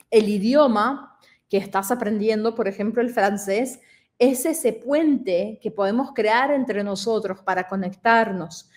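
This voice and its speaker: Higher-voiced woman teaching conversationally. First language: not Spanish. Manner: explanatory, conversational, asks listeners questions. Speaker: French pronunciation teacher. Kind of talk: online lesson.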